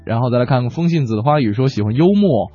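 A man's voice: mid-range voice, animated, quick pace, dark tone, breathy edge. A man co-hosting a talk show, chatting playfully and reading out listener messages. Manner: playful, jokey, teasing. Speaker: radio co-host. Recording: dull lo-fi sound with faint music.

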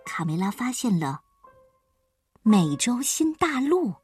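A woman tells a children's story with lively, expressive reading, her pitch sitting a little high. Her voice rises and falls freely across the story. Soft music plays in the background. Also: takes it slowly.

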